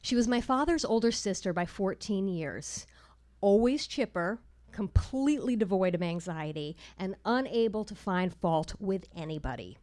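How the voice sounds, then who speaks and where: A woman tells a personal story onstage at a small live storytelling night. Her delivery is measured and wry, landing dry jokes with careful timing. Her voice sits at an ordinary middle pitch. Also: lively intonation, darkish tone.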